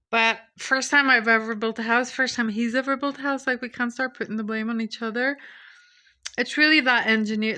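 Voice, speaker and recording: A young woman with a slightly high voice talks straight to her viewers in a relaxed, candid vlog. She vents openly about her frustrations as she snacks between thoughts, recorded indoors at home. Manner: candid, venting, snacking while talking. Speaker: vlogger. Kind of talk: casual vlog chat.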